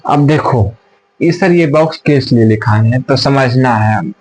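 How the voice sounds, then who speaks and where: A man's voice: medium pitch, a little slow, darkish tone, rough recording. Man teaching at a whiteboard, repetitive. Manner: repeats himself and asks and answers his own questions. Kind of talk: classroom lesson at a whiteboard.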